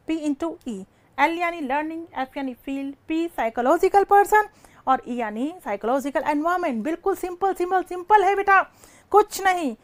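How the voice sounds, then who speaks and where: Woman teacher, high voice, live class lecturer who quizzes and answers herself. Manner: asks questions then answers them herself; calls students "beta" affectionately.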